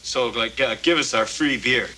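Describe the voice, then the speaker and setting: An actor playing a bossy, dim young Canadian man with a flat, slangy drawl and a Canadian accent. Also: medium pitch, moderate pace, slight background noise, close to an everyday voice, low-quality recording. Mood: haggling. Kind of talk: film comedy dialogue.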